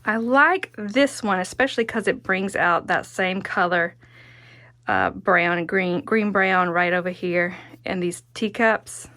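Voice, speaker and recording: A woman's voice: mid-range voice, unhurried, pushed and bright, no room sound. A woman giving a casual hands-on craft tutorial as the instructor, chatty and musing, often talking to herself as she goes. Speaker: quilting instructor and host.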